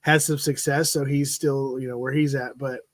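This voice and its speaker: A man's voice: mid-range voice, flat delivery, normal speed, no echo. Rambling fifties man on a dry mic. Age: 50s. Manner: rambling, repeats "freaking", trails off mid-sentence. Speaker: livestream host. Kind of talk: casual sports chat.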